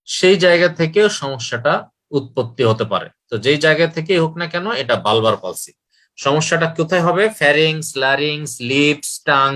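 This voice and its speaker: A man's voice: on the high side, sharp tone. A man giving a medical lecture, repeating key points and asking questions he then answers himself. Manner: repetitive, asks and answers own questions.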